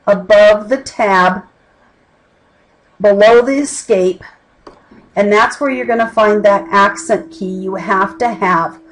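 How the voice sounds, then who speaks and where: A woman's voice: medium pitch, slight background noise, low-quality recording. A middle-aged woman teaching a college class by video from her desk, chatty and plain-spoken, with asides. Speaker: college instructor. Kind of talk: recorded class lesson. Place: home desk with keyboard and lamp. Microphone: camera over the desk.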